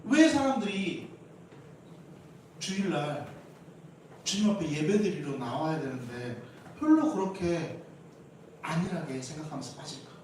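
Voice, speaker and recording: Pastor, male, with a Jeolla dialect, animated and high-voiced, recorded from a distance in a very echoey church. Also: unhurried, long pauses, slight background noise. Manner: animated, acts out quarrels in playful voices, asks the congregation questions. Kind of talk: lively Sunday sermon. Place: church sanctuary.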